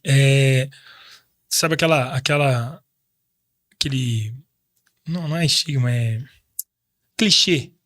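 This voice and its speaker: Here a man from Brazil in his thirties appears as a guest in a relaxed interview, musing about faith and restarting often. The pitch is fairly high and the tone sharp, with a dry, studio-quality recording from a studio microphone.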